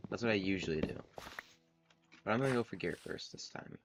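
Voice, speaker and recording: A man's voice: low-pitched, brisk. A man streaming a game through a headset mic, chatting casually and thinking aloud as he plays. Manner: relaxed, thinking aloud, trailing off. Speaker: gaming streamer. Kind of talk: casual livestream chat while playing. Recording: music playing behind the voice. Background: background music.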